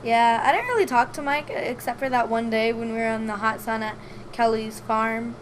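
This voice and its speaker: Bright high-pitched young woman guest, giggly, animated storyteller; faint hiss underneath. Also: brisk. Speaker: podcast guest. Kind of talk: casual chat.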